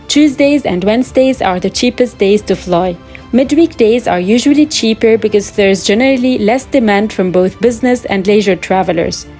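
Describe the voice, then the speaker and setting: A woman's voice: medium pitch, normal speed, a little mellow, roomy sound, faint music behind, low-quality recording. A young woman from Lebanon giving travel tips in a friendly, explanatory scripted vlog. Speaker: travel vlogger.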